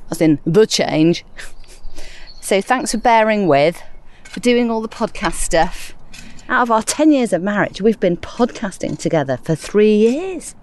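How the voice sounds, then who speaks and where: Mid-range and darkish in tone, this woman's voice comes from a middle-aged gardening podcast host planting outdoors. She keeps up a chatty, self-amused conversation with listeners while she works, sounding a little out of breath.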